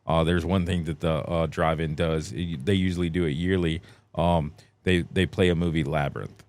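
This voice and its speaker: A man in his forties guest-hosting a podcast, talking in a relaxed, rambling way with lots of fillers. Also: rumbling low, moderate pace. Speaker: guest host. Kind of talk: casual podcast chat.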